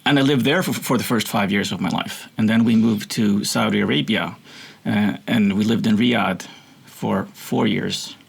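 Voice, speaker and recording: A Swedish man with a somewhat American accent speaks as an interview guest. His voice is deeply gravelly and husky, and he talks in an earnest, reflective way. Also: normal speed. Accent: American-sounding, from international schools. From Sweden. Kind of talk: conversational interview.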